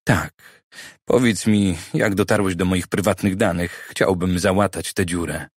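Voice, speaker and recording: Audiobook role: male narrator voicing a demanding businessman, deep and husky, dry close sound, terse and insistent. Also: fairly even intonation, measured pace, dry recording. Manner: blunt, probing questions. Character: demanding wealthy middle-aged businessman.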